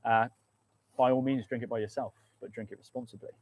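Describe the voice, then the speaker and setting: A man's voice: medium pitch, steady tone, brisk, darkish tone. A man with a British accent, a brewer hosting a live beer tasting, talking casually with many ums and laughs. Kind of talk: casual live-stream chat.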